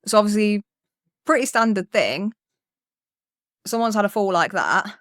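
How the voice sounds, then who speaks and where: A woman's voice: medium pitch, lively intonation, measured pace, fairly bright tone, no echo, studio quality. A young woman telling a rambling childhood story on a podcast, swearing freely and acting out what people said. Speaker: podcast co-host. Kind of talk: casual storytelling.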